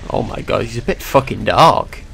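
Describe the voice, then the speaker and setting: A young man reacts loudly to a game he has never played before. He swears often and keeps breaking into startled exclamations. His mid-range voice has a gravelly, fry-laden edge. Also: medium pitch, moderate pace, slight background noise. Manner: excitable, swears a lot, constant startled exclamations. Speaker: gaming YouTuber. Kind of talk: casual gameplay commentary.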